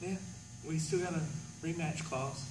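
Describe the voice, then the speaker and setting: A man's voice: on the high side, steady tone, measured pace, a little mellow. A man speaking as a pro wrestler guest in a wrestling promo interview, with a cocky, boastful, challenging manner. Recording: roomy, distant mic with hum and noise.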